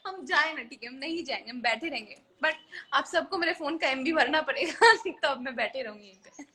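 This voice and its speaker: A woman's voice: high-pitched, sharp tone, a little hiss or hum. A young woman casually chatting with viewers on a phone live stream, playful and mixing Hindi with English. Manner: chatty, playful, mixes Hindi with English, frequent fillers and laughs.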